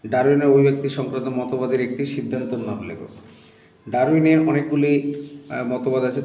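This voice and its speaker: Guy tutor going through test answers one by one, keeps asking if students got it, dark mellow voice, roomy echo. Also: medium pitch. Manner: explains step by step, checks in with "ঠিক আছে?". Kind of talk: solving a test paper for students. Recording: echoey room.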